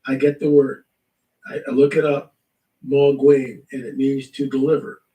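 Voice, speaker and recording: A man telling a spiritual testimony in lively storytelling, acting out the voices in his story. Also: mid-range voice, normal speed, reverberant, recorded from a distance, poor audio. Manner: animated storytelling, acts out quotes. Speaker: guest. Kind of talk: testimony in a talk show.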